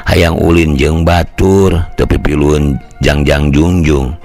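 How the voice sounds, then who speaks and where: Over soft background music, an older man with a Sundanese accent from West Java tells a traditional folk tale, acting out the dialogue. His voice is extremely low, slow, darkish and fairly even, and his storytelling is colloquial and conversational.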